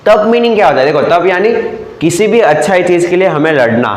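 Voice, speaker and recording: A young man with a Gujarati accent, teaching a class and often repeating himself with quick "क्या?" checks. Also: sits high, lively intonation, echoey room, low-quality recording. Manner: repetitive, keeps asking the class "क्या?" then repeats the answer. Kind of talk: classroom lecture explaining a chapter.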